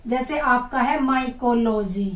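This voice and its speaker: A woman teacher giving an exam-prep lesson, asking questions and repeating each term slowly so students say it with her. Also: on the high side. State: dry throat. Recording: echoey room, far from mic.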